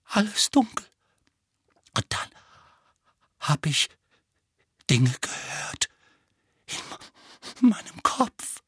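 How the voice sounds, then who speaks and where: A man voicing a frightened, shaken teenage boy who murmurs hoarsely. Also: extremely high pitch, fairly even intonation, takes it slowly, sharp tone, no room sound, studio quality, pitched above the performer's own voice, full character voice.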